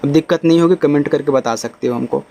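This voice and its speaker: A man teaching English phonics in Hindi, spelling out letters slowly and asking his students questions as he explains each step. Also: fairly high pitch, gravelly, mellow. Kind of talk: spoken phonics lesson.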